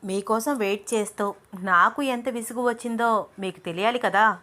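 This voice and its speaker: A woman voicing a jealous, quick-tempered young woman in love, speaking sharply in a raised voice in a storybook reading. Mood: pleading. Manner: sharp, indignant, raised pitch.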